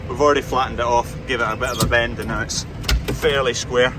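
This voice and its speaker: A man's voice: medium pitch, steady tone, fast talker. A Scottish man, a farmer, talking casually through his work on the farm, practical and self-deprecating as he explains. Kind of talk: casual farm vlog narration. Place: outdoors on a farm. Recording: noisy outdoor farm recording.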